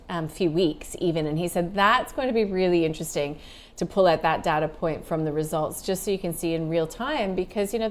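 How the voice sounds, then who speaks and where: A woman co-hosting a live market wrap, chatty and conversational with quick asides. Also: on the low side. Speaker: co-host of a markets show.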